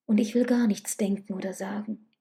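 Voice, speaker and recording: A woman reading the lines of a tender, passionate noblewoman in a storybook, soft and pleading, sometimes urgent. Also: medium pitch, fairly even intonation, a little fast, lightly acted.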